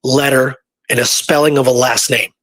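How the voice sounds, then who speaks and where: This medium-pitched man co-hosts a casual talk show about research and is also a history researcher. He tells stories in an animated, conversational way, checking in with listeners and tagging points with "right?". His pace is moderate, and the rough recording has no echo.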